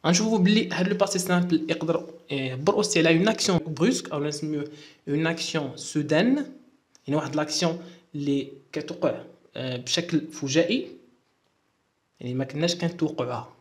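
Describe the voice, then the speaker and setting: Moroccan guy teaching french grammar super fast, spells out the endings, voice a bit high. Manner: spells out endings letter by letter, mixes in French terms. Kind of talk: explaining a French grammar lesson in Moroccan Darija.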